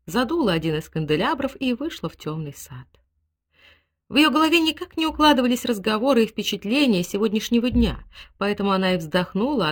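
Женщина читает классическую прозу для аудиокниги. Ровное, выразительное повествование с живыми интонациями. Голос средней высоты. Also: female voice, medium pitch. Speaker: audiobook reader. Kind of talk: scripted narration.

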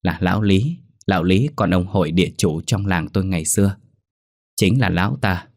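A man's voice: low voice, normal speed, vocal fry, darkish tone. A man narrating a first-person horror story in a dramatic, exclamatory manner. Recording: faint background music.

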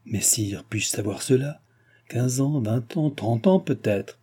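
A man's voice: medium pitch, expressive, takes it slowly, warm tone, slightly rough. A man voicing a royal police lieutenant who talks in an earnest, deferential way.

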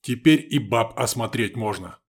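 A man doing a hoarse gang boss. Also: medium pitch, animated, moderate pace. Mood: commanding. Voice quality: husky, hoarse. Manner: commanding, threatening. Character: hoarse menacing male gang leader.

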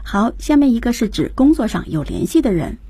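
A woman's voice: on the high side, sing-song, brisk, warm tone, husky, no echo. A woman co-hosting a radio English lesson, introducing each new word and summing up what the teacher said. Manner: prompts the next word and recaps the teacher. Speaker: radio co-host. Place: radio studio.

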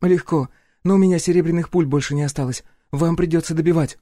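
A man voicing a woman sniper whose calm, clipped reports come through radio static. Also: a little high, fast talker, no room sound, studio quality, pitched above the performer's own voice.

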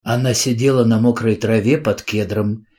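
A man narrating a children's book in a calm, even storytelling manner. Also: on the low side, moderate pace. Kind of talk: audiobook narration.

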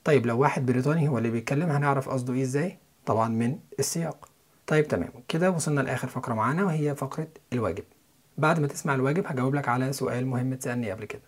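A man's voice: mid-range voice, rapid-fire. A man with an Egyptian Arabic accent, explaining English pronunciation step by step as a listening-course teacher.

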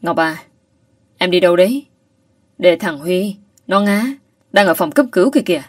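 A woman reads an urgent, brisk young man in a storybook audio tale. The voice is low for her and dry, a little back from the mic. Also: no room sound, distant mic, lightly acted.

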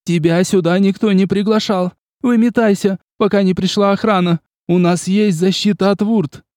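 A man voicing a nervous noblewoman who turns shrill and screeching when frightened. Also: moderate pace, mellow, clear, resonant tone, no room sound, studio quality, natural voice. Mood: hysterical.

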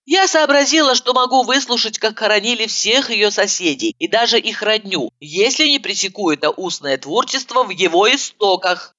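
Bright, lively woman narrator. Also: medium pitch, moderate pace, hardly any pauses, highs cut off. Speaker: audiobook narrator. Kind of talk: first-person audiobook narration.

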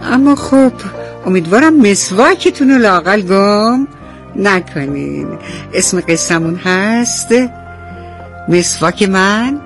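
A woman's voice: mid-range voice, animated, faint music behind. Sing-song woman telling a bedtime story. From Iran. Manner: warm, sing-song, addresses children. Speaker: radio storyteller. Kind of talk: bedtime story narration for children.

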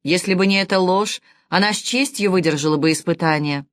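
A woman's voice: fairly low pitch, fairly quick, dry recording, studio quality, lightly acted. A woman reading the lines of an impulsive, loyal male knight in an audiobook, exclaiming with indignation. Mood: indignant.

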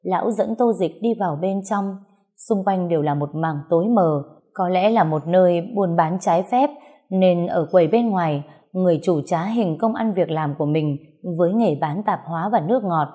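Low, mellow woman narrating a novel. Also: moderate pace. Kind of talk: audiobook narration.

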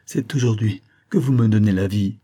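A man's voice: fairly low pitch, moderate pace, warm tone, breathy edge. A man reading an audiobook, voicing a lovesick young man who pleads and laments in despair. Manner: plaintive, pleading.

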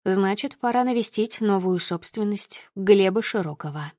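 A woman's voice: mid-range voice, lively intonation, normal speed, darkish tone, no room sound, studio quality. A woman narrating an audiobook in the first person with intense, emotional reading.

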